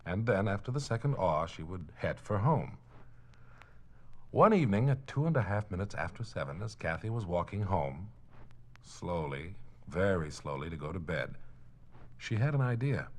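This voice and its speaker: A man narrating a children's story in a gentle, playful storytelling manner on an old mono record. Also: sits low, sing-song, moderate pace.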